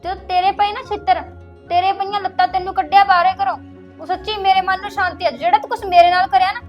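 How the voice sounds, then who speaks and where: A woman's voice: very high voice, steady tone, quick pace, dull audio, soft background music. An actress playing a defiant young woman in a Punjabi village drama, taunting and threatening to expose her secret husband. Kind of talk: rural village drama acting.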